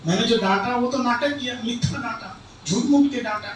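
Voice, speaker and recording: Brief: stingy old husband, sly and conspiratorial, put on by a male preacher; high voice, distant and roomy. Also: fairly quick, slight background noise. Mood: soothing. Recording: echoey hall, distant mic.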